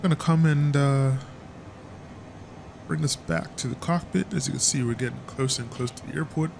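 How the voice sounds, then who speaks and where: Man, flight sim commentary, chatty, filler words, steady engine hum in background. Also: medium pitch, normal speed, creaky. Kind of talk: casual gameplay commentary.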